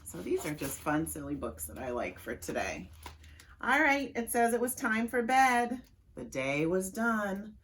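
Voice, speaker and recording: A woman librarian leading a children's story time, cheerfully reading aloud and guiding movement games. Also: deep voice. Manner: cheerful, animated, sing-song with children.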